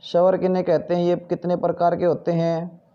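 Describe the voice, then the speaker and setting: A man's voice: sits high, monotone, brisk, dark tone. Patient teacher man, muffled lo-fi. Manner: patient, repeats "ठीक है" and "भाई", asks then answers. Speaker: Hindi teacher. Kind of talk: explaining textbook exercise answers.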